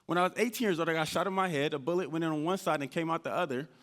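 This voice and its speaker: A motivational speaker from Indianapolis in the United States tells stories live on an event stage before an audience. His voice is high and very fast, and he animatedly acts out dialogue from his own past.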